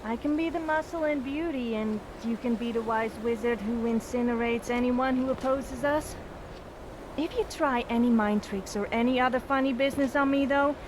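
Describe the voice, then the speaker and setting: A woman's voice: high voice, noisy background, natural voice. A woman playing a brash, threatening warrior companion.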